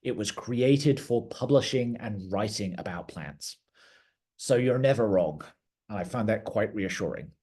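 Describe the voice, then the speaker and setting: Middle-aged man, garden director, low husky voice, casual teaching tone. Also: lively intonation, a little slow, dark tone. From outside the United States. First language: English. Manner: conversational, plain-spoken, occasional fillers and restarts. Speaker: garden director giving a talk. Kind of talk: educational talk.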